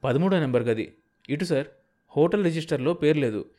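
A man's voice: a little high, lively intonation, a little fast, warm tone, lightly acted. A cautious police inspector, hesitant and careful, who stumbles a little as he reports to his boss. It is a plain everyday voice, as a male narrator puts him on. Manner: hesitant, stammering.

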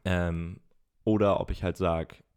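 A man's voice: deep voice, steady tone, slow pace, darkish tone, clear, resonant tone. A young man in his twenties, co-hosting a podcast in casual chat, explaining things at length with many fillers. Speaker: podcast co-host.

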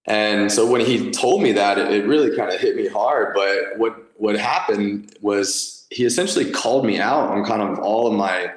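A man's voice: on the low side, normal speed, hardly any pauses, reverberant, rough recording. A man in his late twenties, a business founder being interviewed for a podcast, who talks with enthusiasm, with many fillers and restarts. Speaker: guest, nutrition company founder.

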